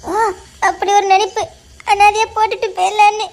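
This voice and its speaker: An actress playing an anxious young wife, speaking softly and pleadingly with a Tirunelveli Tamil accent, her voice breaking with tears. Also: very high voice, little pitch movement, a little fast. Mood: tearful pleading. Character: anxious young wife, tearful but firm. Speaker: actor. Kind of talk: melodramatic web-series acting.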